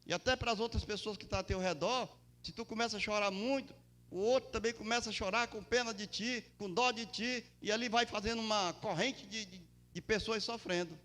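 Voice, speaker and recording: High-voiced preaching pastor. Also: male voice, a bit bright. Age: adult. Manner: preaching with emphatic rises and drawn-out words. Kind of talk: sermon. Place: church during a Sunday service.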